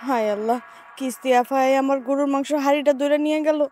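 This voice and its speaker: An actress playing a tearful, accusing village wife. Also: female voice, sits high, fairly even intonation, fast talker, loud music behind the voice, lightly acted.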